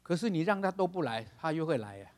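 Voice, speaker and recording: An older man, a pastor, delivers a sermon with a lot of drama, imitating other people's voices and laughing and shouting to drive points home. His voice sits slightly high, swings widely in pitch, and moves at a fast clip.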